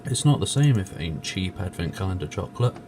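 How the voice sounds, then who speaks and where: A man's voice: low-pitched, expressive, fast, noisy background. A man giving casual, rambling commentary as a video host, grumbling and poking fun at himself with mild swearing. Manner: self-mocking, grumbling, mildly sweary.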